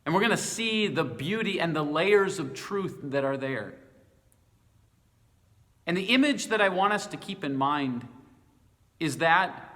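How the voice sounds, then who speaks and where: A man's voice: fairly high pitch, a bit bright. A middle-aged male pastor giving a short devotional talk, earnest and personal with light self-deprecating humor. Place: church sanctuary. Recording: long reverb from a large room.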